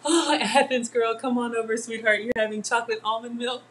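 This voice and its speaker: A middle-aged woman hosts a casual live cooking demo from her home kitchen, chatting with viewers and naming commenters as she works. Her voice is on the high side, fairly even and a little fast. A fixed camera at counter distance picks her up over a noisy background.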